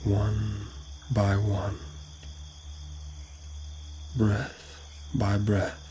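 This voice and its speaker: A man giving an ASMR sleep talkdown in a soft, breathy, often whispery voice, soothing, in short phrases with pauses. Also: lowish voice, little pitch movement, a little hiss or hum.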